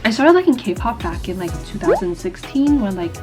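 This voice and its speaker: In her room at home, a 24-year-old YouTuber from the US East Coast, whose first language is Vietnamese, chats to camera over music in a slightly high, sing-song voice. It's a casual get-to-know-me ramble full of fillers, quick bursts, self-mocking jokes and frequent laughs.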